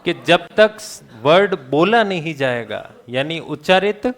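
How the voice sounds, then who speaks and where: A male teacher lectures a class. He keeps throwing quick questions at the students and answers them himself, with jokes along the way. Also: on the high side, animated. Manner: jokey, laughs at his own remarks.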